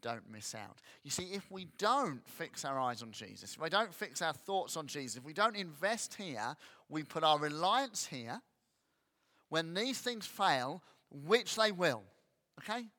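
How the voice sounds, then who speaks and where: A man preaching a sermon, animated and acting out grumbling voices. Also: a little high, unhurried. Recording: long hall reverb.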